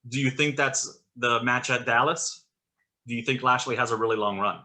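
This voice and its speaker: Male co-host, mid-range pitch, casual and blunt, exasperated tone. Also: moderate pace, bright, forceful tone. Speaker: podcast co-host. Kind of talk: casual chat about wrestling.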